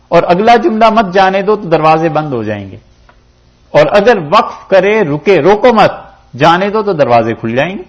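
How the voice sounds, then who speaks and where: A man from Pakistan giving a religious lecture on Quran commentary, teaching with animated rises and drops for emphasis. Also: a little high. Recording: dull lo-fi lecture recording.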